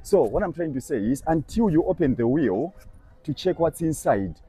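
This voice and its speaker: Out on a crowded shopping street, a young male preacher talks with earnest conviction, repeating verses line by line to win someone over. He speaks at normal speed in a slightly high, sing-song voice that is mellow and husky, captured in a dry recording.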